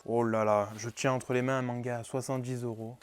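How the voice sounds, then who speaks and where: A man's voice: medium pitch, little pitch movement, fairly quick, heavy background noise. Chatty young man gushing over manga. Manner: enthusiastic, chatty, many fillers. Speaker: manga collecting YouTuber. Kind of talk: casual vlog narration.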